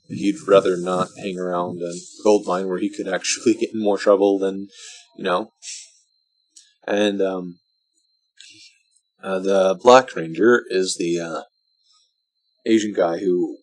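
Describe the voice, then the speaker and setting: Male vlogger, deep voice, drunk; off-the-cuff movie talk that stops, starts and wanders. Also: poor audio. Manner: halting, meandering, trails off mid-thought. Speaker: vlogger reviewing a film. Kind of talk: casual rambling movie commentary.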